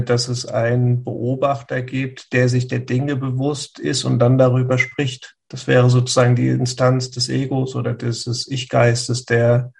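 A man speaking as a spiritual teacher who answers a listener's question in a slow, searching way, with pauses and restarts. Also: mid-range voice, gravelly, darkish tone.

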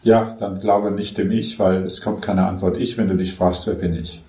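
Calm low-voiced man teaching, roomy echo. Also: normal speed. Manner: patient, explaining step by step. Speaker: spiritual teacher. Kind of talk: spiritual dialogue on self-inquiry.

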